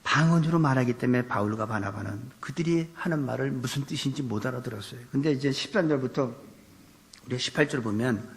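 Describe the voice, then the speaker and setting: A male pastor giving an animated sermon, asking rhetorical questions and raising his voice for emphasis. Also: medium pitch. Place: church sanctuary. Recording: long reverb of a church hall.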